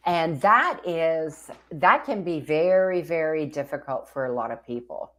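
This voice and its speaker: A woman co-hosts an inspirational talk show in a lowish voice. She sounds upbeat and chatty and speaks straight to the viewers. Her tone stays casual and friendly. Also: expressive, a little slow, a bit bright. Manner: upbeat, laughing, addresses viewers as folks. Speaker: co-host.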